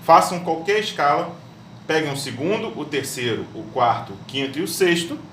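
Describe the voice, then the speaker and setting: A man's voice: a little high, a bit bright, recorded from a distance. A man teaching a music theory lesson step by step, often checking in with his students. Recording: echoey room, voice off-mic, faint hum.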